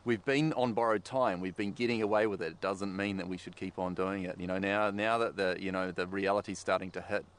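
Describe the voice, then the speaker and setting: A man's voice: low-pitched, steady tone, brisk, hardly any pauses. A man giving an earnest, spontaneous interview answer, repeating phrases as he goes. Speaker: interviewee, clean water campaigner.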